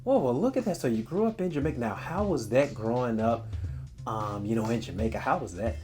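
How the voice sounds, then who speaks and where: A man's voice: medium pitch, expressive, a little fast. A man hosting a casual interview in a mid-range voice. He rambles through his questions with restarts and filler phrases, over faint music. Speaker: interviewer, host.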